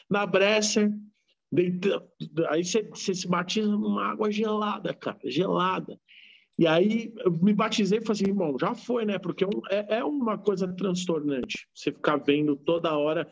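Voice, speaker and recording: Gravelly high-voiced man telling a story. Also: dull audio. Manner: loose, rambling, with slang and many restarts. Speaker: guest. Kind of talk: casual storytelling in a live chat. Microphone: video call.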